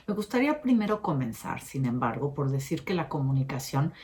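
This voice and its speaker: A woman giving an expressive educational talk, stressing points by shifting her pitch and pace. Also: fairly quick. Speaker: educator presenting a short episode.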